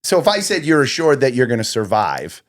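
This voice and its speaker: A man's voice: mid-range voice, sing-song, a little fast. A man hosting a casual podcast, playfully questioning and teasing his co-hosts. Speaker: podcast host. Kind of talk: casual chat.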